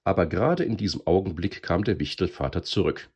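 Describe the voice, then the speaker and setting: A man giving a lively, expressive reading of a storybook. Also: deep voice, a little fast, slightly rough.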